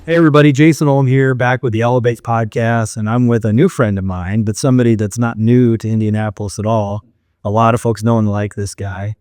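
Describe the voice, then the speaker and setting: A man hosting an interview podcast, upbeat and friendly, reacting quickly to his guest. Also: medium pitch, steady tone, darkish tone. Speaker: podcast host.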